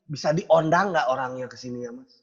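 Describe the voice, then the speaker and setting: A man hosting a casual comedic podcast, excitable and teasing. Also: medium pitch, slightly rough. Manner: excitable, teasing, quick to laugh. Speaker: podcast host. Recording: dull audio in a reverberant room.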